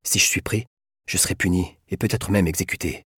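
A man's voice: fairly even intonation, fairly quick, breathy edge, no echo, studio quality, heavily acted. A man reading as a stern young soldier. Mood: gentle, hushed. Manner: low, firm, turning soft and hushed. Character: stern young male soldier, harsh in public, tender in private.

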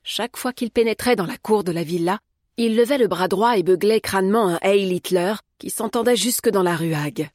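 A woman reading an audiobook as narrator, in a calm, measured way. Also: medium pitch, no echo, studio quality. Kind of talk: scripted narration.

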